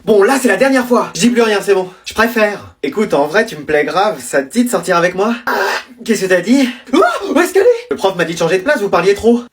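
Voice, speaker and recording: A comic sketch performer playing parents, teachers and kids in quick back-and-forth dialogue. The delivery is teasing and brisk, tossing lines between characters. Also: medium pitch, animated. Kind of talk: comedy sketch acting.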